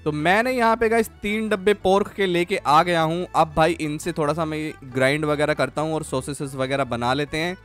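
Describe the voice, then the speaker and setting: Guy rambling through his farm game for viewers, bit higher voice, light music in the back. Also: steady tone, a little fast, hardly any pauses, a bit bright. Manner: chatty, keeps calling viewers "guys" and "bhai". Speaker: gaming channel host. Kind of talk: casual gameplay commentary.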